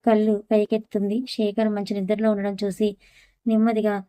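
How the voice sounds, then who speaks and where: Female narrator for an audio story, voicing every role herself in an even, level read. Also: medium pitch, brisk, dry recording. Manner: reads dialogue and narration in one even voice.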